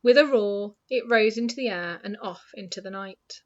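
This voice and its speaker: A woman reads a storybook aloud in a steady, hushed voice that softens at the ends of lines. Her pitch sits in the middle of the range. The lo-fi recording sounds dull and muffled. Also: normal speed. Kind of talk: storybook reading.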